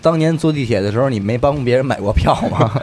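A man's voice: mid-range voice, expressive, fast, darkish tone, slight background noise. A man with a Beijing accent telling stories casually and comically, slangy and teasing, often asking rhetorical questions. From Beijing, China. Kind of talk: casual comic storytelling among friends.

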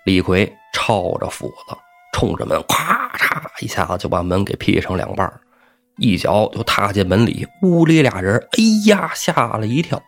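A man hosting a storytelling show, narrating in a lively, colloquial way with asides to the listener. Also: fairly low pitch, normal speed. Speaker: storyteller host.

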